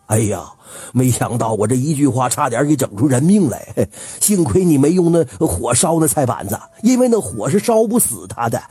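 A man's voice: medium pitch, big pitch swings, normal speed, warm tone, breathy edge, dry recording, pitched below the performer's own voice. A man voicing a matter-of-fact village carpenter giving folksy advice in a folk tale. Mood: instructing. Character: knowing village carpenter, middle-aged man.

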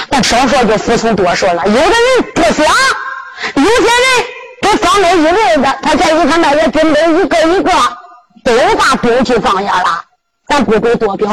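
A woman with a Henan accent performing traditional zhuizi storytelling in an animated, rhythmic, exclaiming manner. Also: high-pitched, poor audio.

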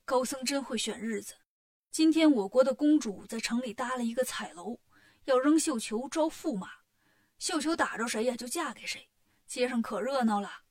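A woman voicing a chatty male inn steward, lively and gossipy. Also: fairly high pitch, moderate pace, natural voice.

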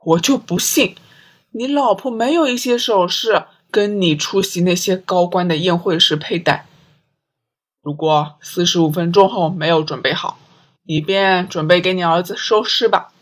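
A woman's voice: lowish voice, normal speed, lightly acted. A woman reading an audiobook, voicing a cunning male kidnapper who makes cold, threatening demands.

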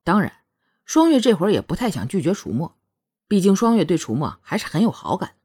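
A woman narrating a romance novel chapter in an expressive storytelling manner. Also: on the low side, brisk, breathy edge. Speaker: audiobook narrator. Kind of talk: scripted narration.

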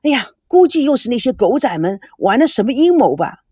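Woman playing a nervous old family servant: breathless, fretful, lively, storybook read. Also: a little high, fairly quick, breathy edge, dry recording, studio quality. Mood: anxious. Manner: breathless and anxious. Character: flustered older male household servant.

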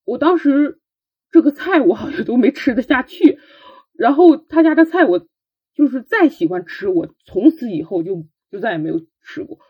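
A young woman, a podcast guest, recounting her own past in an earnest, halting way with frequent restarts. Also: a little high, expressive, breathy edge. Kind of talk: personal storytelling. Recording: dull lo-fi recording.

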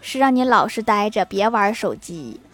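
A woman's voice: mid-range voice, animated, normal speed, fairly bright tone. A woman hosting a comedy podcast, reading out jokes and chuckling at her own punchlines. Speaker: host.

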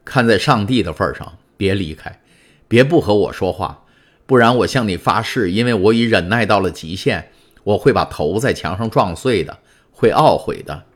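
A desperate young sailor locked away for years pleads through a prison wall, as a man acts him out. His low voice rises and falls with feeling. It is an impassioned storybook reading. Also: expressive, moderate pace. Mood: pleading. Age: 20s. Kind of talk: audiobook character voice.

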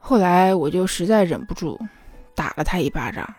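A woman's voice: on the low side, lively intonation, normal speed, a little mellow, no room sound, soft background music. A woman in her thirties, a mother telling a personal story in an earnest, emotional, confiding way, often checking in with the listener. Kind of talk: confiding spoken monologue.

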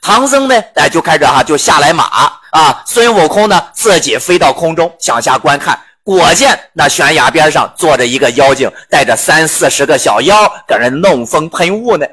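Chatty, husky man retelling a classic tale. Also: fairly high pitch, animated, normal speed, hardly any pauses, bright, forceful tone. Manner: chatty, joking asides. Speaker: storyteller. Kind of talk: casual classic novel retelling with commentary.

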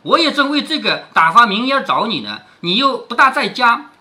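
A tender young nobleman pleads with a departing friend, read by a man in a storytelling reading. The voice sits high and bright and leans earnest. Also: very animated, fairly quick, heavily acted. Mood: pleading.

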